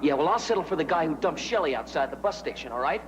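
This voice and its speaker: A man's voice: fairly high pitch, expressive, quick pace, lo-fi sound, music in the background, close to an everyday voice. An actor playing a cocky young male undercover cop in a 1980s TV drama, talking with an easy, wisecracking manner. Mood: insistent. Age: young adult. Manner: wisecracking, easygoing. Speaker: undercover cop posing as a college student.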